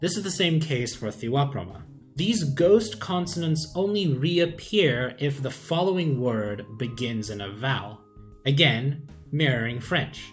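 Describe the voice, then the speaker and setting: A man explaining the sound system of his invented language in a casual, thinking-aloud way, pausing often with "uh". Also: medium pitch, expressive. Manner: unhurried, thinking aloud with many "uh" pauses. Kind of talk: casual screen-share explainer. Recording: faint background music.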